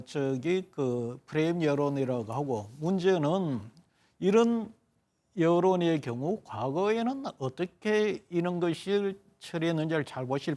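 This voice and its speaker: A man with a somewhat high voice, taking part in a televised current-affairs panel as a pollster. He lays out survey numbers in long, measured, analytical explanations. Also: a little mellow. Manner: analytical, explains figures at length.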